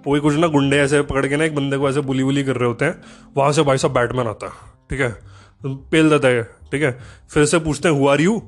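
A man delivering a sarcastic, animated comedic rant, peppered with swearing and quick asides. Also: medium pitch.

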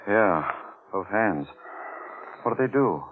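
A man playing a gruff, businesslike police detective inspector in 1940s radio drama. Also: on the low side, expressive, slow. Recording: noisy, tinny old radio broadcast.

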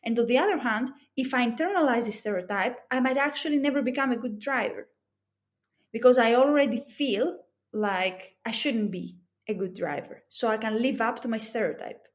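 Speaking at a normal pace in a slightly high voice, this interview guest from Greece has a Greek accent. She is a business coach and psychology expert whose answers are methodical, explanatory, and illustrated with examples.

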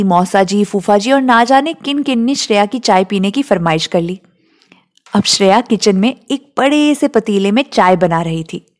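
A woman narrating a story in a gentle, emotional, reflective way. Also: medium pitch.

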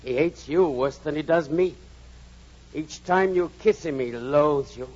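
A man's voice: a little high, a little slow, darkish tone. An actor playing a bitter, drunken young man consumed by hate, brooding and venomous in 1940s radio acting, on a dull old radio broadcast. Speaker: Hindley.

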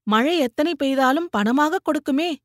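A woman's voice: sits high, animated, moderate pace, no echo, clean studio sound, voice pushed up. A woman voicing a practical, argumentative village woman who argues persuasively, in an audiobook reading.

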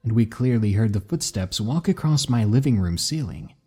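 A man narrating spooky stories in a slow, hushed, dramatic way. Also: on the low side, lively intonation, husky. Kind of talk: scripted story narration.

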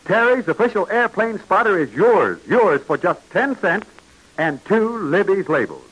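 A man announcing an old 1940s radio serial, pitching to kids in a hearty way. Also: big pitch swings, unhurried, a bit bright, slightly rough, rough recording.

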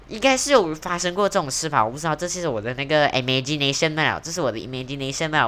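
Brief: young Malaysian Mandarin-accented woman, low, lively voice, chatty solo podcast host, faint noise behind. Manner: chatty, self-mocking, quick, mixes in English words. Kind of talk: casual solo podcast chat.

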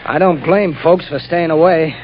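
A man's voice: fairly high pitch, normal speed, natural voice. An actor playing an uneasy, wisecracking city policeman with colloquial, streetwise old-time radio delivery. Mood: uneasy, chatty. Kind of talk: 1930s radio acting. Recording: dull vintage radio, faint music.

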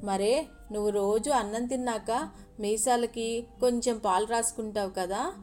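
A woman voicing an excited five-year-old girl who repeats herself breathlessly. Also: a little high, measured pace, faint music behind, natural voice. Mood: eager.

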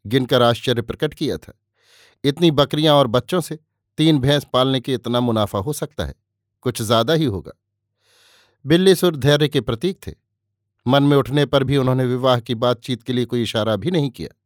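A man giving a measured, unhurried narration of a novel as an audiobook. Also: medium pitch, dry recording, studio quality.

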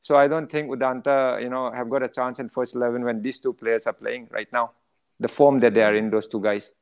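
An Indian-accented man with a smooth, clear voice at a middle pitch. He gives casual sports analysis as a pundit, circling back over his phrases. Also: steady tone, fairly quick, a little mellow. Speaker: football pundit.

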